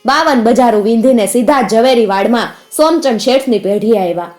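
A woman with a Kathiyawadi Gujarati accent narrating a folk tale in a steady, vivid manner. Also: on the high side, fairly quick, faint music behind.

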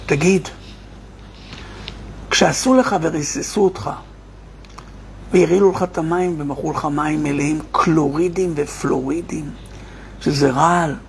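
A man, a rabbi, giving an impassioned online sermon to his viewers, firing rhetorical questions and swinging from loud cries to a near hush. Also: on the high side, fairly even intonation, gravelly, pauses often, a little hiss or hum. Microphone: streaming to online viewers.

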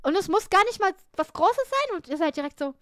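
A woman's voice: very high voice, sing-song, a little fast, a bit bright, no echo, studio quality. A young woman streaming, chatting casually in a playful, rambling way, nervous and jittery. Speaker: livestreamer.

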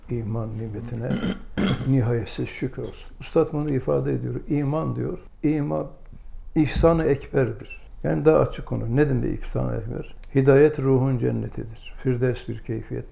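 Older male lecturer: very gravelly, mellow timbre, storyteller who acts out the dialogue. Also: medium pitch. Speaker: religious lecturer. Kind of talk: religious lesson with anecdotes.

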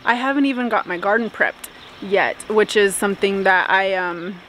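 A woman in her thirties talking casually to a handheld camera outdoors in her garden, relaxed, with frequent "um" fillers. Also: mid-range voice, normal speed, slight background noise. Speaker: homestead vlogger. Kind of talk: casual vlog narration. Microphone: camera held at arm's length.

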